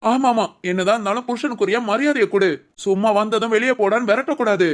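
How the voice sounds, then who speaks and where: A man's voice: sits high, fast talker, natural voice. A man playing a playful young husband who teases and pleads with his angry wife in a comic family skit. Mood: teasing. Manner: teasing, pleading, wheedling. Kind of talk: comic family drama acting.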